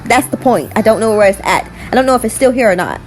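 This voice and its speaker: A young woman talks through her nail vlog in a loose, animated way, piling on fillers as she tells her stories. Her voice sits a little high, with quiet music playing underneath. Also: fast talker. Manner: chatty and animated, telling stories with lots of "like" and "y'all". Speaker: nail art vlogger. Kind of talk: casual vlog chat.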